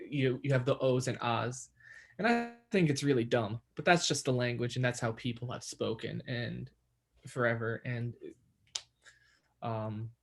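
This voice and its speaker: A young adult man from New York, USA, co-hosts a podcast in casual chat, his mid-range voice hesitant and full of fillers and restarts. There's a little hiss or hum in the recording.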